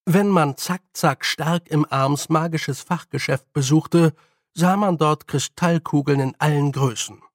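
A man narrates a storybook in a measured, expressive way. His voice sits a touch high with a gravelly grain. The recording is dry and close. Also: dry recording. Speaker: audiobook narrator.

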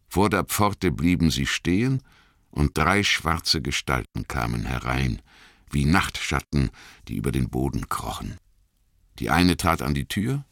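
Very deep, expressive male narrator. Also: creaky, dry recording, clean studio sound. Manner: dramatic, expressive storytelling. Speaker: audiobook narrator. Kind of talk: scripted dramatic narration.

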